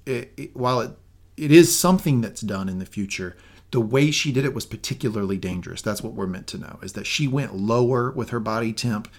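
A man's voice: mid-range voice, fairly quick. A man from the southern United States co-hosting a podcast, recapping an episode in a rambling, casual way with frequent restarts. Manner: rambling, with many restarts and fillers. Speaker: podcast co-host.

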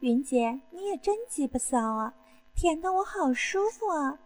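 A woman's voice: high-pitched, lively intonation, a little slow. A woman voicing a brazen, teasing lover.

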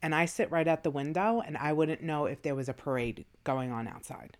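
A woman's voice: sits low, animated, brisk. A woman, co-hosting a podcast and telling stories in casual chat. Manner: chatty storytelling, laughs often. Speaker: podcast co-host.

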